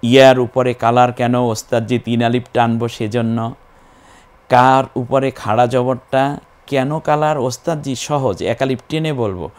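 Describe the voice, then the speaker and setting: A man's voice: mid-range voice, fairly even intonation, a little slow, darkish tone. A man teaching Quran recitation, patiently spelling syllables and stretching the vowels as he chants them. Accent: Bangladeshi Bengali.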